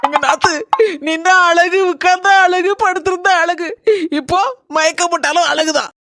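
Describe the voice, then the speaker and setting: Fretful cartoon daughter-in-law. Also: female voice, very high-pitched, steady tone, normal speed, very noisy. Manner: dramatic, fretting, sing-song. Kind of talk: cartoon voice acting.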